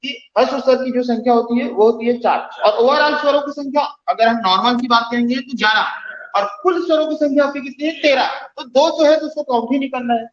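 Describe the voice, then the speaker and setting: A man with a fairly high voice teaches a classroom grammar lesson, repeating each rule several times and putting questions to his students. The classroom echoes around him. The recording has a dull, muffled sound. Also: quick pace. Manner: repeats phrases and quizzes students. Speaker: Hindi teacher. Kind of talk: classroom lecture. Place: classroom with lights off.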